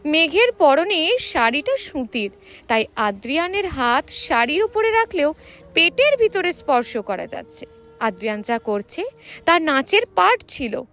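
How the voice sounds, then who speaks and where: A woman reads a romance aloud in a high-pitched voice, giving the scripted narration a dramatic delivery. Her intonation is animated, climbing and dipping throughout.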